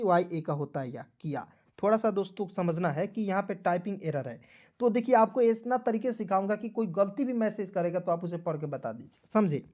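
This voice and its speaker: A man's voice: high-pitched, darkish tone, lo-fi sound. A man teaching English in an online lesson. He spells words out letter by letter, calls viewers friends in a friendly way, and often checks that they follow.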